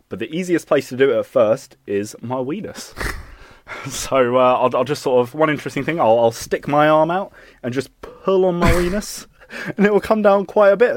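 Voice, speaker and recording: A man's voice: medium pitch, dry recording, studio quality. A man co-hosting a casual chat podcast, playful and laughing often as he tells stories. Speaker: podcast co-host.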